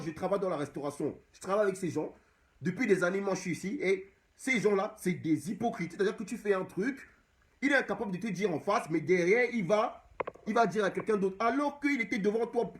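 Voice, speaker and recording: A young man from Cameroon, an activist abroad, speaking straight to the camera and exhorting his audience, repeating the same phrases again and again. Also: high-pitched. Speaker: diaspora activist. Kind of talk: impassioned direct-to-camera monologue.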